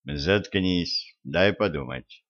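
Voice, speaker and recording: A man voicing a gruff, commanding male warrior-sorcerer who barks orders. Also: low voice, takes it slowly, fairly bright tone, muffled recording, pitched below the performer's own voice. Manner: barking orders.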